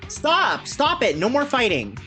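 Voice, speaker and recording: A man's voice: high-pitched, very animated, moderate pace, a bit bright, faint music behind, voice pushed up. A man voicing an earnest young student peacemaker from an anime game, urgent and pleading. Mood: distressed.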